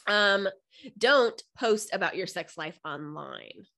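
A woman co-hosting a casual podcast, candid and quick to giggle. Her pitch swings widely from phrase to phrase, and her sentences are packed with "you know" and "like.". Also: lively intonation, gravelly, a bit bright. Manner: frank, giggly, heavy use of "you know" and "like". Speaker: podcast co-host.

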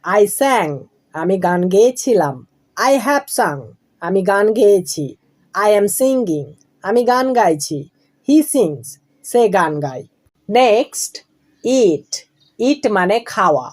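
A woman teaching English grammar, going slowly and deliberately through each verb form and letting phrases fall low at the ends. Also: animated, a little mellow. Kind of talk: classroom explanation of verb forms.

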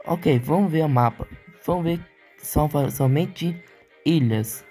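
Brazilian guy talking through a game real slow, dark gravelly voice, faint music behind. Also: a little high. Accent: Brazilian Portuguese. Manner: slow, musing, with frequent "né?" tags. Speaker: gaming channel host. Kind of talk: casual game commentary.

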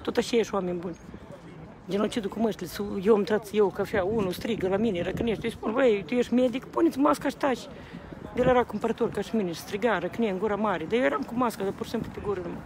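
A woman speaking passionately to a reporter outdoors at a rally, repeatedly appealing to the people around her. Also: medium pitch. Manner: agitated, repeats appeals to the crowd. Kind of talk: impassioned street interview. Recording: outdoor street recording with crowd noise. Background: crowd.

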